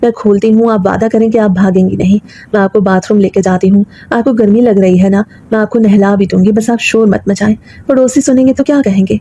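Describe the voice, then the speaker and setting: A woman's voice: mid-range voice, fairly even intonation, few pauses, dark tone, lightly acted. A woman voicing a patient young daughter-in-law who pleads humbly and tearfully, in a storybook reading. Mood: pleading.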